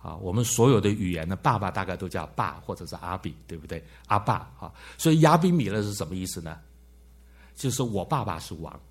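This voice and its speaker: A man lectures a Bible class, often asking his listeners questions and tagging his sentences with "ha". His voice sits a little low and sounds husky. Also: lively intonation, a little fast. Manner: frequent "ha" tag words and questions to the class. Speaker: Bible teacher.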